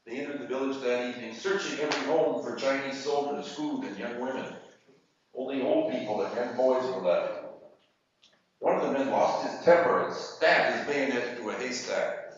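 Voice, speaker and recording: Man reading fiction aloud, measured deliberate pace, booming hall echo, distant muffled mic, faint hiss. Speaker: reader at a literary event. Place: university hall.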